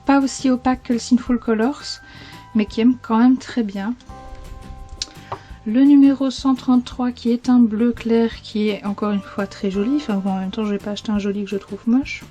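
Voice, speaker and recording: A woman with a Belgian French accent talks casually to her viewers in a slightly high but mellow, relaxed voice. She rambles a bit and corrects herself mid-sentence. Soft background music plays faintly behind her. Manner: chatty, rambling, frequent self-corrections and fillers. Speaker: beauty vlogger. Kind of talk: casual chatty video.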